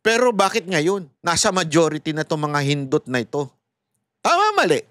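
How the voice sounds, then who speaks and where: A man's voice: fairly high pitch, animated, moderate pace, fairly bright tone, dry recording, clean studio sound. A man giving heated, sarcastic political commentary straight to his viewers. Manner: mocking, heated and sarcastic, addressing viewers directly.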